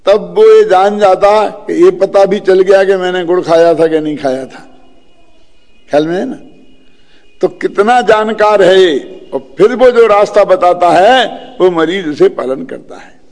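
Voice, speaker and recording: A man's voice: high-pitched, measured pace, a little mellow, in a large hall. An older Indian man giving a spiritual discourse, telling a true story and often checking that his listeners follow. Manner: storytelling, often asks the audience if they follow. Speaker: religious teacher.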